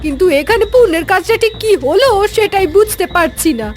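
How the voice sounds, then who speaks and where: A woman's voice: extremely high pitch, lively intonation, brisk, soft background music. Woman playing a nagging curious village wife. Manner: questioning, scolding.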